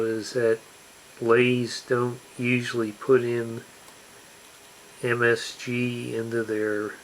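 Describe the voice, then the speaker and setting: A man hosting a casual food review to camera, speaking in a deliberate, emphatic way with drawn-out words. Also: medium pitch, slight background noise, rough recording. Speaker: snack review channel host.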